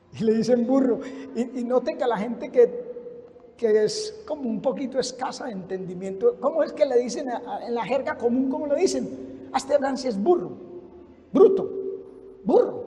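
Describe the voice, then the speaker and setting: A male preacher with a very high voice delivers a fervent, storytelling sermon. He calls out to his listeners as brother. His words ring through a large church hall with a long reverb. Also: warm tone.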